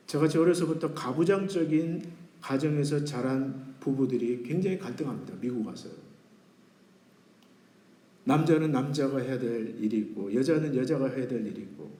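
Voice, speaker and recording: A man's voice: a little high, mellow. A man in his forties, a pastor, preaching a sermon at a Wednesday service in a conversational way and putting questions to the congregation. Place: church sanctuary. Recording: roomy church echo.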